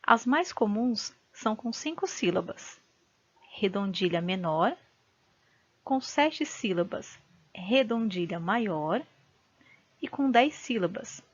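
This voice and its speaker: A woman's voice: medium pitch, animated, takes it slowly, long pauses, slightly rough, dull audio. A woman teacher giving a home-recorded video lesson, patiently sounding out syllables one by one.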